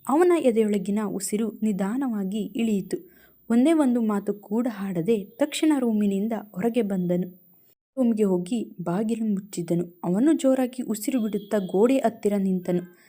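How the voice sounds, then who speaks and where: A woman reading a romantic audio story aloud in calm, dramatic narration, as the channel's storyteller. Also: mid-range voice.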